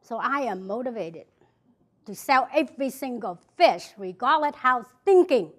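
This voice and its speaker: Speaking at a moderate pace in a slightly high, expressive voice, a Vietnamese-accented woman from South Vietnam gives an emphatic motivational speech. She stands before a live audience in an event hall and repeats key phrases.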